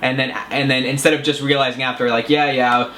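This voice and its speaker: A man's voice: mid-range voice, little pitch movement, fast, bright, forceful tone, slight background noise. A man hosting a casual advice vlog, talking in an earnest, chatty way with frequent restarts. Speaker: self-help vlogger.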